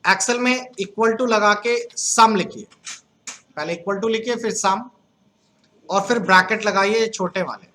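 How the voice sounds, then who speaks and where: A man from Uttar Pradesh teaches a computer class in a high-pitched, bright, pushed voice at a measured pace. He speaks with an Uttar Pradesh Hindi accent, quizzing his students and joking with them throughout the lecture.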